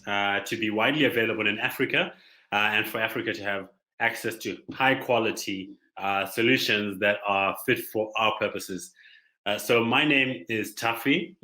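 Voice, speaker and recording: A man from Zimbabwe presenting at a conference as a startup founder, speaking in a measured, thoughtful way with many pauses and fillers. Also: fairly low pitch, sharp tone, reverberant, low-quality recording. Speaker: startup founder giving a talk.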